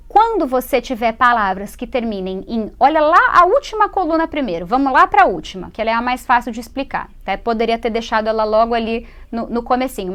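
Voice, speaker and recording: A woman teaching an English lesson on TV, explaining pronunciation patiently and modelling the sounds slowly. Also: high-pitched. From Brazil.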